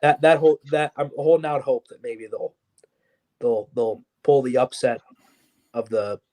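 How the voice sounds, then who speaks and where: A man co-hosting a sports podcast, speaking casually and haltingly, filling gaps with "you know" and restarts. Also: medium pitch, warm tone. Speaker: podcast co-host.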